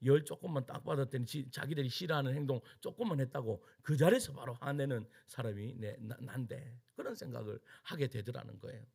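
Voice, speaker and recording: A middle-aged male pastor with a Gyeongsang Korean accent, preaching a sermon in an animated storytelling way and acting out quotes. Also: medium pitch, brisk, gravelly, few pauses, slightly rough. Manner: animated storytelling with acted-out quotes and frequent laughter. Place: church sanctuary.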